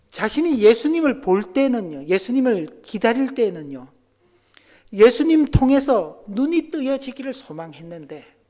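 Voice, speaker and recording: A male pastor preaching a sermon, dropping to near-whispers and then rising to loud, exclaiming passages. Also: very high voice.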